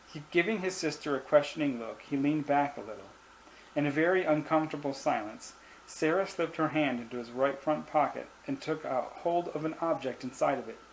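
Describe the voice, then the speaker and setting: A man's voice: on the high side, brisk, slight background noise, low-quality recording. A man reading his own short story aloud, lifting quoted lines only a little.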